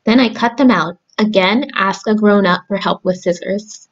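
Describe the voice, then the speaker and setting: A young adult woman speaking to children in simple, deliberate phrases, as a storyteller and craft host. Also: medium pitch, muffled recording. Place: small room at home, indoors.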